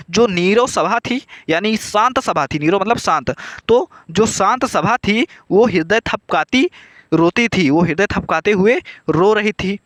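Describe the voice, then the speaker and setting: A man's voice: sits high, fairly bright tone, no echo. A male teacher reads out verses of a Hindi poem and explains them line by line to students.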